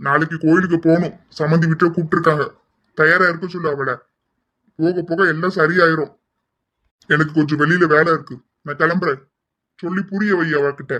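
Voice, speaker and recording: A man's voice: on the high side, fairly even intonation, brisk, pauses often, bright, forceful tone. A man voicing a firm middle-aged father who gives instructions about his daughter's wedding. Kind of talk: amateur family drama. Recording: dull lo-fi recording.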